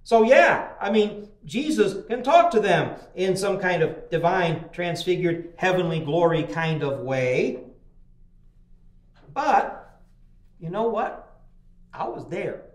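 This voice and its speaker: Preaching a midweek sermon in a small indoor chapel, an older pastor tells homespun stories, frequently starting over mid-thought. He has a high, expressive voice, speaks slowly with long pauses, and the space echoes around him.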